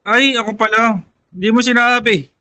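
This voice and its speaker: A man talking through a deep pitch-shifting voice changer, joking casually while playing a mobile game on voice chat. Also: steady tone, normal speed, bright, forceful tone, no echo.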